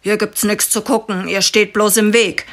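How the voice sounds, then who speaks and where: Woman doing a gruff bearded tree seller. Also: mid-range voice, flat delivery, normal speed, fairly bright tone. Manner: curt, snapping. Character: gruff bearded man selling trees.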